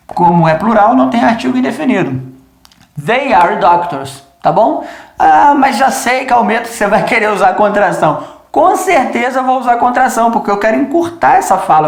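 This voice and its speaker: A man teaching a grammar lesson at a whiteboard, patiently repeating examples and often checking that students follow. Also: high-pitched. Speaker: English teacher. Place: room with a whiteboard. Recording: echoey room.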